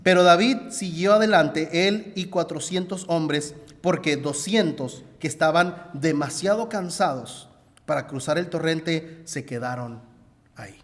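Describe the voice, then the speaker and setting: A male preacher retells a story in a sermon and keeps turning to speak directly to his listeners. His voice sits a little high for a man. It rings out with a long reverb, as if recorded in a church hall. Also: a little slow.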